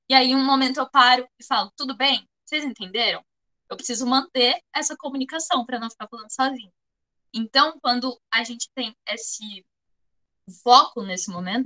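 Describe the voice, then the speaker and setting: A woman's voice: fairly high pitch, pushed and bright, low-quality recording. A woman with a Brazilian Portuguese accent teaching an online class, explaining step by step and often checking that students follow.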